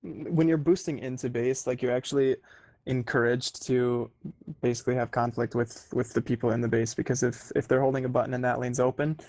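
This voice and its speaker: A man's voice: medium pitch, steady tone, fairly quick, darkish tone, dry recording. A man in casual voice chat who rambles, full of fillers, on a headset mic.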